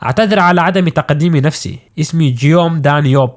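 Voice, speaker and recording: A man reading a calm, sly musician. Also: a little high, quick pace, lightly acted. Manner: calm, polite. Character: mysterious male musician, calm and smiling.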